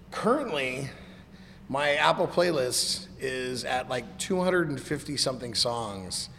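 A man with a slightly gravelly smoker's rasp chatting casually and informally about music. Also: mid-range voice, a bit bright. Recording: reverberant room with background noise.

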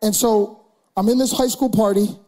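A young man preaching a sermon, telling a funny story and building to loud shouted preaching. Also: high voice, steady tone, moderate pace.

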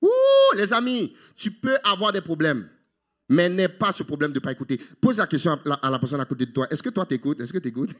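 A man preaching a sermon as pastor, animated, with sudden high exclamations and English phrases mixed in.

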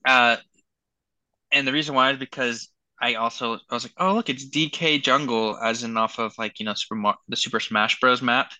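A man's voice: medium pitch, little pitch movement, brisk, bright, forceful tone, no echo, low-quality recording. A man co-hosting a podcast, chatting casually in a laid-back way with plenty of fillers and slang. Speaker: podcast co-host. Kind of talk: casual chat.

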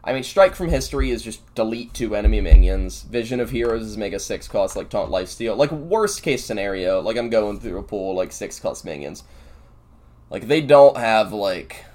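A man's voice: lowish voice, lively intonation, normal speed, darkish tone. A man co-hosting a gaming podcast, talking casually in a loose, rambling way with lots of fillers. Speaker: podcast co-host.

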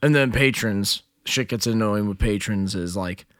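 A man's voice: fairly low pitch, normal speed, a bit bright, dry recording, clean studio sound. A young man, a podcast co-host and performing musician, chatting casually in a blunt, profane, rambling way full of fillers. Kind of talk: casual chat. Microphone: studio microphone.

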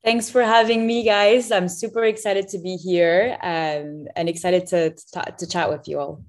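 A young woman in her twenties talks as a podcast guest in a low, upbeat voice. She is chatty and quick to restart her sentences, with plenty of fillers along the way. Her tone is that of easygoing interview talk. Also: steady tone. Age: 20s. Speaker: startup founder guest.

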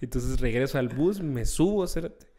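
A comedian from Guatemala with a Guatemalan accent, telling a story in casual chat, swearing and acting out other people's voices. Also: male voice, mid-range voice, lively intonation, normal speed, dark tone. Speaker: comedian guest.

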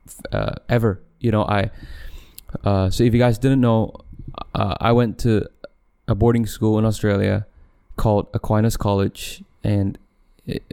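Young guy rambling on his podcast, lowish smooth mellow voice, lots of restarts and little laughs. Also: flat delivery, unhurried. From Malaysia. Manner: rambling, self-correcting, laughs often. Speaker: podcast host. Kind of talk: casual solo podcast chat. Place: home room, camera set back.

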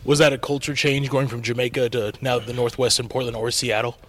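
A man's voice: medium pitch, flat delivery, fairly quick, a bit bright. A young man hosting a student sports radio show, upbeat, introducing guests and reading sponsor spots.

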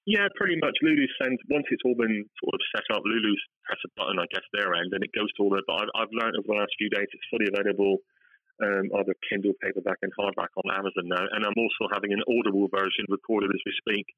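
A man's voice: on the low side, fast, dry recording, phone-quality sound. A man with an English West Country accent giving conversational answers as an interview guest. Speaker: interview guest, financial adviser.

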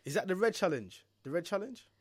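A man's voice: sits high, big pitch swings, brisk, over a noisy crowd. A young man with a London roadman accent chatting casually as a podcast co-host, using heavy slang and repeating phrases for emphasis. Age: young adult. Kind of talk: casual banter.

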